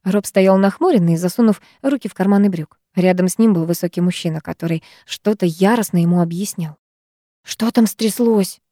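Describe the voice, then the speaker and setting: A woman narrating a novel as an audiobook. Her voice is mellow and warm, and the sound is dry and close. She lifts her pitch and energy for the young characters' lines. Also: brisk, hardly any pauses, no room sound. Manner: lively, raising pitch for the heroine and her friends.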